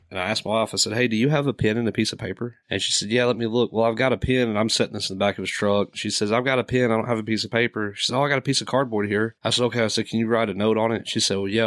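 A man's voice: on the low side, a bit bright, dry recording, clean studio sound. A man, telling a profane story casually on a podcast and laughing through it. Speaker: podcast co-host.

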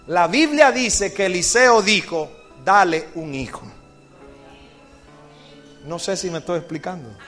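A man with a high-pitched voice and a fairly bright tone preaches an evangelistic sermon at a church service. He tells the story dramatically and poses questions to the congregation.

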